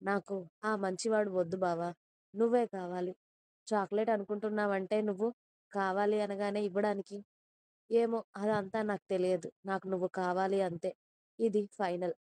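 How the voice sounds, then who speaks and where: A woman's voice: medium pitch, steady tone, moderate pace, mellow, clear, resonant tone, no echo, natural voice. A woman voicing a stubborn, lovesick young woman who pleads tearfully in an audio story. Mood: pleading.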